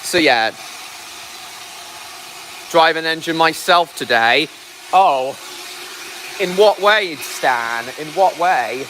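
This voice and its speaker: Speaking slowly with long pauses and lively intonation, a somewhat high-voiced man livestreams casually outdoors by a heritage railway engine. This train enthusiast raises his voice and repeats himself frequently, with loud steam engine noise in the background.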